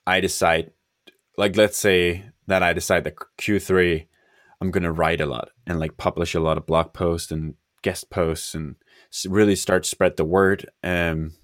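A tired-sounding man in casual conversation, speaking haltingly and often trailing off as he searches for words. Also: low voice, no room sound, clean studio sound. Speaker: software founder on a podcast.

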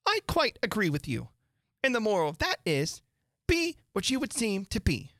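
A reader voicing a fussy old duchess who moralizes about everything, in a high sing-song way. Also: huge pitch swings, moderate pace, a bit bright, dry recording, clean studio sound. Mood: preachy. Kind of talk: audiobook character voice.

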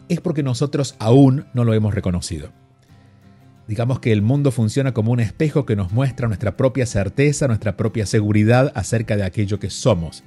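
A man hosting a call-in advice show who talks in a calm, reflective and gently reassuring way. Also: medium pitch, slightly rough. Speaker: radio show host.

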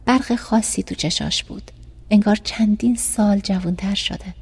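A woman narrating a first-person diary story in a calm reading voice. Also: mid-range voice, husky. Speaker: audiobook narrator.

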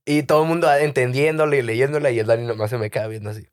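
A man's voice: medium pitch, steady tone, rapid-fire. A man co-hosting a comedic podcast, telling stories in slangy casual chat and laughing often. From Baja California, Mexico. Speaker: podcast co-host.

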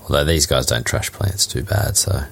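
A man's voice: very deep voice, steady tone, moderate pace, gravelly, fairly bright tone, a little hiss or hum. An Australian man co-hosting a podcast, talking about his projects in an easygoing, plain-spoken casual chat over a remote call. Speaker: podcast co-host.

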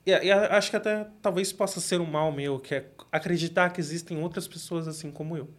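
A young man from Brazil with a São Paulo accent, talking casually as an interview guest, relaxed and quick to laugh. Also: on the high side. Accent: São Paulo Portuguese. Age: young adult.

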